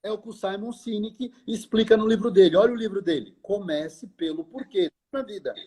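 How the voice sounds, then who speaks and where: A middle-aged man, a lecturer, telling a story in conversation in an animated way, acting out the dialogue and often speaking to the host by name. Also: high-pitched, a little fast, slightly rough.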